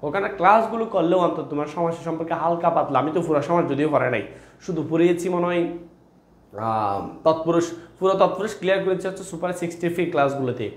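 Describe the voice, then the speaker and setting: A man's voice: a little high, fast, reverberant. Chatty young man teaching grammar. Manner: chatty, repeats questions, calls students brother. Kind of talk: online exam-prep class.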